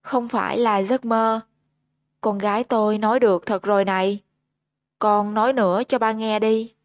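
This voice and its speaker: A woman narrator voicing a stern rural father who scolds his son, with a gruff, scolding delivery in a storybook reading. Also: medium pitch, a little slow, no room sound, lightly acted. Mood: overjoyed.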